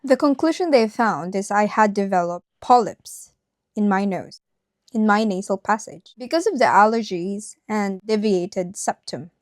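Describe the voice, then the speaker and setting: A woman's voice: medium pitch, unhurried, darkish tone, no echo, clean studio sound. A woman vlogger narrating a personal story directly to her viewers.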